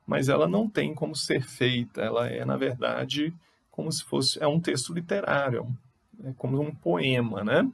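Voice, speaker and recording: A man's voice: mid-range voice, gravelly. A Brazilian man teaching a recorded online lesson, explaining step by step and correcting himself as he goes. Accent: Brazilian Portuguese.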